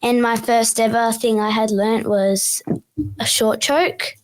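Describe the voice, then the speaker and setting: A woman's voice: on the high side, flat delivery, slow. Earnest young Australian girl. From Perth, Western Australia. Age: child. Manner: short, earnest answers. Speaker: young guest. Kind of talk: interview answers.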